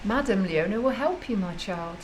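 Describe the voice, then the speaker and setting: An actress playing an eccentric old psychic medium who speaks gently and calls others child. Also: female voice, mid-range voice, expressive, moderate pace, slight background noise, natural voice, poor audio. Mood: gentle.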